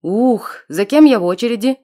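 A rowdy, greedy male raider, exclaiming loudly and eagerly, as a woman reading an audiobook puts him on. His voice climbs high and loud with coarse excitement. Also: moderate pace. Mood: gloating. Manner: boisterous, exclaiming.

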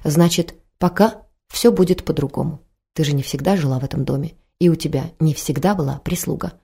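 A woman voicing a weary middle-aged husband who speaks slowly, softly and hesitantly. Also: low voice, creaky, husky, exaggerated voice. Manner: slow, hesitant, soft-spoken.

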